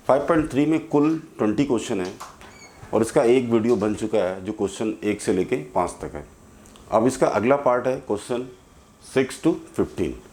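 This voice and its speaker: A man's voice: lowish voice, dark tone. A male teacher tells a moral story during a school lesson, speaking directly to his students in an earnest, moralizing manner.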